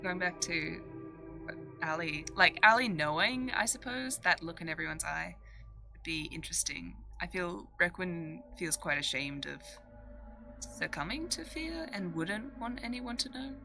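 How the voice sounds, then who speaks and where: Bright-voiced woman player chatting. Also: on the low side, animated, a little slow, gravelly, soft background music. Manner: chatty, muses over trivia. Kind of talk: casual chat at a tabletop game stream.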